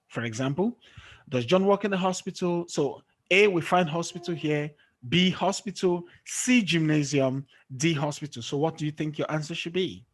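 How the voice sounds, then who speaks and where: A man teaching an English pronunciation lesson over a video call, checking often that his student follows. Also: fairly high pitch. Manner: checks understanding often with "okay?". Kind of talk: online tutoring lesson.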